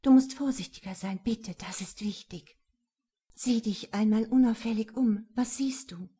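Brief: woman playing a guarded young noblewoman, urgent, warm husky tone. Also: on the high side, normal speed.

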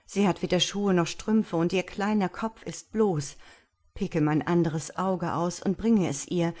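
Reading a fairy tale aloud, a woman uses her naturally low voice at a somewhat slow pace to play a selfless, grieving statue prince. The mood is sorrowful, her delivery earnest and insistent, gently commanding.

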